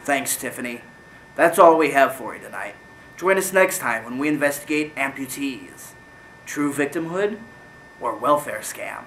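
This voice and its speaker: A man's voice: medium pitch, expressive, normal speed, a bit bright, slight background noise, rough recording. A young man playing a glib, sensationalist parody news anchor in a studio sign-off style. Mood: smooth, self-important.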